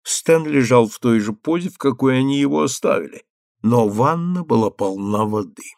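Expressive male audiobook narrator. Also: medium pitch, moderate pace, gravelly, dry recording, studio quality. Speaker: audiobook reader.

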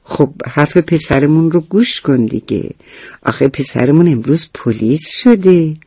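A man's voice: a little high, animated, darkish tone, husky, no room sound, muffled recording. A man voicing a caring mother who praises her young son, in a storybook reading. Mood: fond.

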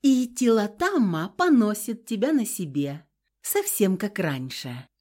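A woman's voice: medium pitch, big pitch swings, unhurried, darkish tone. A woman voicing a bossy, touchy female demigoddess in an audiobook, who coaxes and then snaps. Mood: coaxing. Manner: coaxing, then snappish.

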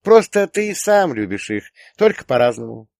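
A man voicing a teasing, bossy teenage daughter in an audiobook, with quick retorts. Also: medium pitch, big pitch swings, gravelly, darkish tone, no room sound, clean studio sound, voice pushed up. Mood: musing. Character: teenage girl, sharp-tongued teasing daughter. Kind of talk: audiobook character voice.

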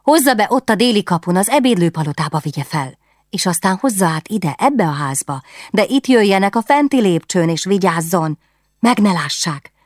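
A woman voicing a headstrong, excitable young noblewoman who gives eager, commanding orders. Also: no echo, studio quality, lightly acted. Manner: eager, commanding, high-strung.

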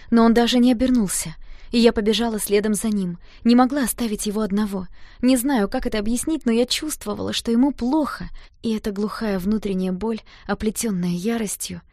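A woman narrating a first-person audiobook with lively, emotional storytelling. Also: mid-range voice, brisk, no room sound, clean studio sound.

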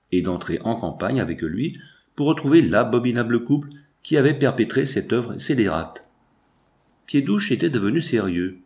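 A man narrating an audiobook with an expressive, steady reading. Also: mid-range voice. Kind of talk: scripted narration.

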